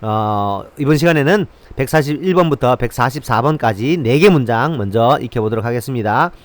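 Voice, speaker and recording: A man teaching a language lesson, drilling short phrases slowly and repeating them. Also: medium pitch, animated, no room sound. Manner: slow drilled repetition of phrases.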